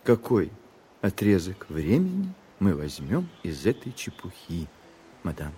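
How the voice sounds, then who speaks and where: A man's voice: sits low, huge pitch swings, unhurried, dark tone, slight background noise, full character voice. An actor playing a polite, reluctant male secretary who stammers and protests in a dubbed film drama. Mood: dry.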